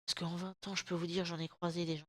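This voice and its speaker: Speaking quickly with little pitch movement, a woman in her thirties with a low, fairly bright voice vlogs to camera from home in loose, self-mocking slang. Her throat is still sore after a cold, so she coughs occasionally. The recording has no room sound.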